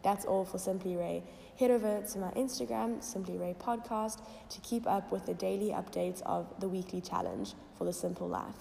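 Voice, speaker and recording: A woman with a croaky, froggy, slightly hoarse voice gives lifestyle tips in a casual, explanatory solo podcast style. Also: mid-range voice, steady tone, normal speed, hardly any pauses, dark tone. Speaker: podcast host. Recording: echoey, reverberant room with noise.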